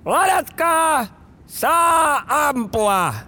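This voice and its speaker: A man voicing a gruff army first lieutenant who barks drawn-out commands at the firing range. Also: sits high, huge pitch swings, background noise, pitched above the performer's own voice, full character voice. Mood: barking.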